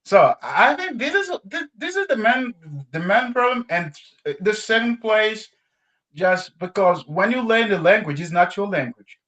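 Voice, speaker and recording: As a guest speaking English as a second language, a Congolese man chats casually with a class about language learning. His high-pitched voice moves at a moderate pace, lively and expressive with frequent laughter, though the audio is dull.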